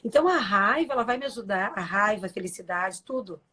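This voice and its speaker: A woman's voice: mid-range voice, expressive, fast talker, sharp tone, slightly rough. A woman giving an earnest, explanatory talk as a guest on a live stream, acting out quoted lines and often checking in with tag questions.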